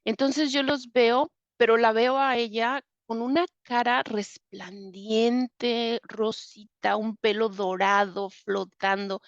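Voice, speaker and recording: A woman's voice: on the high side, fairly even intonation, slow, few pauses, no room sound, highs cut off. A woman with a Mexican accent, a guest recounting a personal experience in vivid detail, with frequent fillers and restarts. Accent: Mexican Spanish. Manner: vivid retelling with many fillers. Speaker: interview guest. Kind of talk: personal storytelling.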